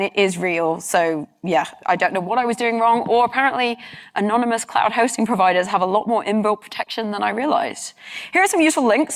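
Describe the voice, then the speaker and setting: A woman's voice: medium pitch, fairly bright tone. A woman giving a conference talk on stage and answering questions, candid and chatty, with frequent ums. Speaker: conference speaker. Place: conference hall.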